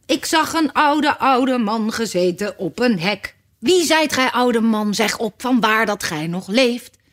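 A woman voicing an eccentric, gentle male knight with an earnest, rhythmic delivery. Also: a little high, expressive, slow pace.

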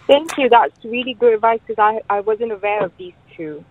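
Female phone-in caller; polite, high voice, phone-line sound. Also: animated, brisk. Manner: grateful, polite.

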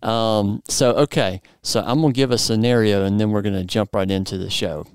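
A man's voice: lowish voice, steady tone, brisk, a little mellow, clear, resonant tone, no room sound, studio quality. A man in his forties hosting a podcast, explaining in an upbeat, playful way and interviewing a guest. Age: 40s. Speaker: podcast host.

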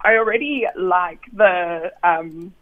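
A woman's voice: fairly low pitch, slow. A friendly woman calling in to a radio show, chatting casually and with enthusiasm over the phone. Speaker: phone-in caller. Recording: thin, band-limited phone line to radio.

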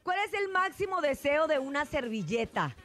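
Woman, Mexican accent, radio host, high voice, very lively pitch, teasing, slangy banter. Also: normal speed, soft background music. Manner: teasing, laughs easily, slangy. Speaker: radio morning show host.

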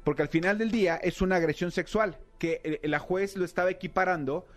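Hombre mexicano narrador animado, voz aguda. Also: male voice, high-pitched, brisk, soft background music. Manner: animated storyteller, playful mock accents. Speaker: radio host. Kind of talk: casual chat.

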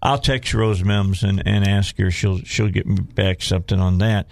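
A male radio host with a low voice and a Southern US accent. He talks casually and folksily, circling back over his own phrases. The sound is close and dry, with no room to it. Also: level tone, normal speed, gravelly, dry recording. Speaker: radio talk show host. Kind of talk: casual conversational talk radio.

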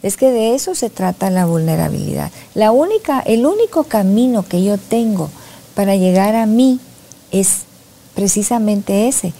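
Soft-spoken reflective woman, mellow voice. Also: medium pitch, expressive, moderate pace, vocal fry. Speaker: psychologist guest. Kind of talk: casual podcast conversation.

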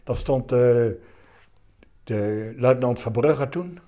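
A man, recalling his past in a casual interview, halting and anecdotal in short fragments. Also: mid-range voice, animated, dark tone. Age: 70s. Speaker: interviewee, retired commando veteran.

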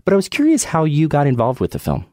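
A man hosting a podcast, reading a measured scripted narration and then asking a guest friendly questions. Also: a little high, wildly swooping pitch, warm tone, no room sound, clean studio sound. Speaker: podcast host.

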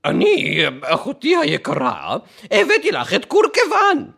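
A performer voicing a pair of bickering twin witch sisters in a children's story, teasing and shouting at each other. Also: mid-range voice, huge pitch swings, gravelly, slightly rough, exaggerated voice. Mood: sly. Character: bickering twin witch sisters, sharp-tongued grown women. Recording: music playing under the voice.

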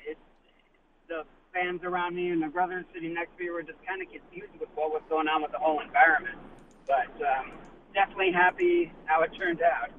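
A man phoning a sports radio show from his car, chatting casually as a fan in a halting way. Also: on the high side, fairly even intonation. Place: inside a car while driving. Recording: phone line with road noise.

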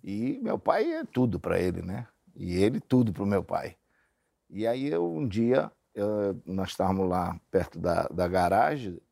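A middle-aged man telling rambling, low-key anecdotes in a casual group chat. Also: creaky, warm tone, breathy edge, dry recording, studio quality. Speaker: guest.

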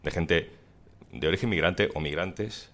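A man's voice: low-pitched, unhurried, fairly bright tone. A man with a Spanish accent from Spain hosting a live podcast interview, asking probing questions. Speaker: podcast host.

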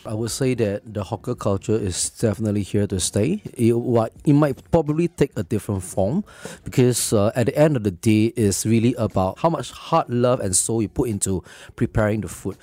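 A man's voice: lowish voice, normal speed, few pauses, mellow, no room sound. A man with a Singaporean accent, a film director answering questions as an interview guest in a conversational way.

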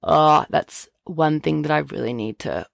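This young woman's voice sits low and sounds creaky, with lively intonation and an unhurried pace. Hosting a casual solo podcast, she chats with frequent "like" and "literally," and the low-quality USB mic gives a close, dry sound.

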